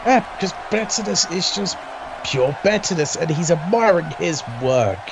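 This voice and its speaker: A man's voice: high voice, expressive, moderate pace, vocal fry. A man giving wrestling colour commentary in a reactive, conversational way. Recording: loud crowd and background noise. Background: crowd noise.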